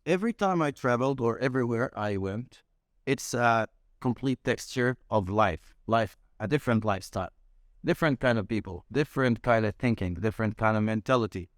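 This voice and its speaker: Brisk and lively in intonation, a young Palestinian man's mid-range voice comes through in clean studio sound with no room noise. As the restaurant's owner, he's interviewed casually in a small room there, repeatedly restarting mid-sentence while he gropes for words.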